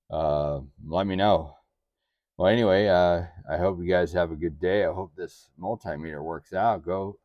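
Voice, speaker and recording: A deep-voiced man talks slowly through a casual product review, rambling and restarting with plenty of fillers. His lapel mic has noise cancellation switched on, so the audio sounds processed. The sound is dry and a little dull. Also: dry recording.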